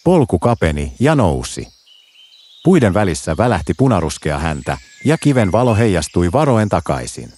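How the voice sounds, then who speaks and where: A man narrating a children's bedtime story in a gentle, lilting way. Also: low-pitched, big pitch swings, slightly rough.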